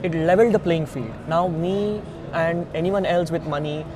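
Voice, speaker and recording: An Indian founder with an Indian accent speaks at normal speed in an interview, explaining things earnestly and emphatically, step by step. Crowd noise and traffic rumble fill the noisy outdoor setting.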